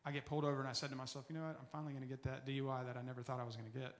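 A man in his forties giving an earnest personal recovery testimony, often dropping soft and low as he tells his story. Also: flat delivery, very fast.

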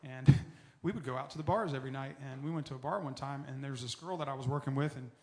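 Guy in his 40s telling his testimony, earnest, mid pitch, gets quiet and low on the hard bits. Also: fast talker. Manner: earnest storytelling, often dropping soft and low. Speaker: recovery testimony speaker. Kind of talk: personal testimony talk.

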